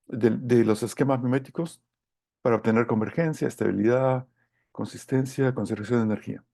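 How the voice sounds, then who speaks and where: A middle-aged man giving a technical lecture from slides, speaking haltingly as he searches for his words. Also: mid-range voice, creaky, a little mellow, no echo, studio quality. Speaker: course lecturer.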